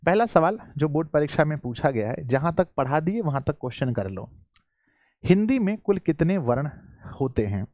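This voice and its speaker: A man teaching a live online class to students, repeating each question and often clearing his throat. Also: a little high, very animated, normal speed, a little mellow, no room sound.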